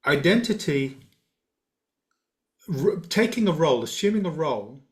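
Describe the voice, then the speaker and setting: A man who guides a meditation community, answering a question in a measured, reflective way with frequent pauses and fillers. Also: fairly high pitch, very animated. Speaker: guiding teacher of a meditation community. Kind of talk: dharma talk Q&A.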